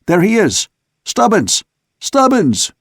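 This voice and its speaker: An actor playing an angry older male ship captain who shouts commands from the rigging. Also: high voice, wildly swooping pitch, slow pace, husky, no echo, studio quality, voice pushed up, heavily acted. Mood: shouting angrily.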